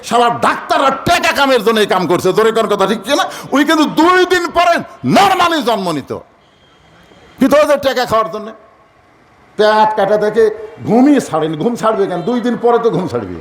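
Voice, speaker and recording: A man's voice: extremely high pitch, sing-song, a little fast, fairly bright tone, a little hiss or hum. A man preaching a sermon, emphatic and calling on the crowd to answer, sometimes breaking into sung verse. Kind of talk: sermon at a religious gathering.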